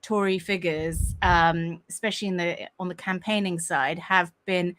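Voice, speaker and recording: A woman with a croaky voice, co-hosting a casual podcast and rambling with many fillers and restarts. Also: on the low side, fairly even intonation, normal speed, fairly bright tone. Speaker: podcast co-host. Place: home room with a fan running.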